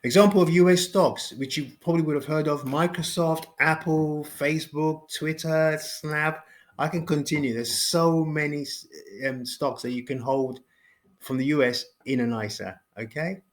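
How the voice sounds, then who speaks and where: A man with a fairly high voice giving an informal beginner lesson, repeating phrases and checking in with "okay?" after each point. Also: fairly even intonation, normal speed. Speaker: finance educator. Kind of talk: informal explainer video.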